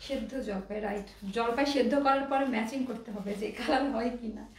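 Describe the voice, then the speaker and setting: A high-voiced young woman from Bangladesh runs a chatty dress sale at home, slipping English words into her talk. She sounds a little out of breath. Her voice rings in an echoey room, a bit away from the mic. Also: fast talker, distant mic. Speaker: online clothing seller. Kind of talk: casual live product showcase.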